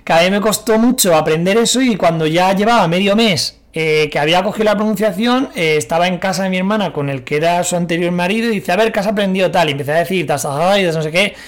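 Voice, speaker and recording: Animated young Spanish man telling stories. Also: high-pitched, fast talker, hardly any pauses. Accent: Spain Spanish. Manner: animated, acts out quoted voices, swears casually. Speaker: guest. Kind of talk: casual storytelling chat.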